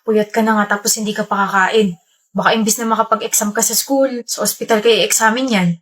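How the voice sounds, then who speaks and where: A woman playing a caring, teasing young boyfriend in a comedy skit, gentle and coaxing. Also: medium pitch, fairly even intonation, a little fast, close to an everyday voice.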